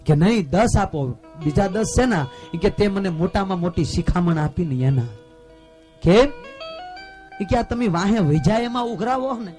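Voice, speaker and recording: Male folk comedian-storyteller, Saurashtra Gujarati accent, high pitch, rustic sermon-style humor, live stage, light music behind. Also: expressive, normal speed, long pauses. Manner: rustic, preachy humor, swings between loud exclamations and soft asides. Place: live stage program before a gathering.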